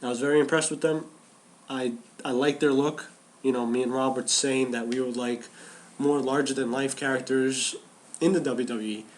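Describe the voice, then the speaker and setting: A man's voice: medium pitch, fairly even intonation, moderate pace. A man co-hosting a podcast, talking casually and animatedly about wrestling, often restarting and repeating phrases. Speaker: podcast co-host.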